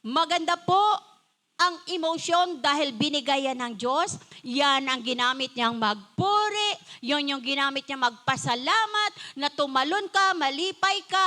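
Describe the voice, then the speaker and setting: An older woman preaching a sermon in a Filipino accent, mixing in English and talking in an animated, conversational way. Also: high voice. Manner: switches between Tagalog and English, animated and conversational.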